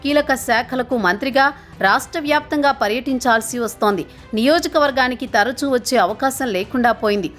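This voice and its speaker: A woman reading a scripted news voice-over in a measured, formal way. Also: high-pitched, a bit bright, soft background music. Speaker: news narrator.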